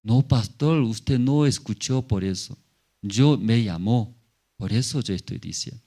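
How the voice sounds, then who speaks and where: A man's voice: mid-range voice, a little slow, mellow. A man voicing an anxious pleading mother. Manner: pleading, insistent. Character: worried mother calling her pastor.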